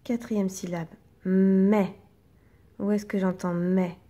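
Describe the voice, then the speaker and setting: A woman teacher, slowly and patiently guiding young children through reading exercises and sounding out each syllable. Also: mid-range voice, gravelly, dark tone, slightly rough.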